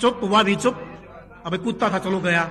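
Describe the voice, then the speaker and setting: A man with a Haryanvi accent telling a rustic joke, acting out each character's lines in quick back-and-forth. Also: high-pitched, bright, forceful tone. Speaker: comedian. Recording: long hall reverb, roomy echo.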